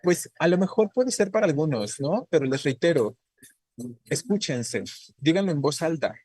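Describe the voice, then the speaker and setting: A man's voice: a little high, lively intonation, moderate pace, darkish tone, breathy edge, no room sound. A man teaching a grammar class, explaining patiently and often checking in with his students with short tag questions. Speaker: Spanish teacher. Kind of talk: online class lecture.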